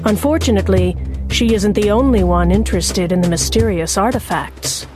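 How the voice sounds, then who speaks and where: Casting: female preview narrator, dramatic scripted delivery, medium pitch, music underneath. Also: moderate pace. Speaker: trailer narrator.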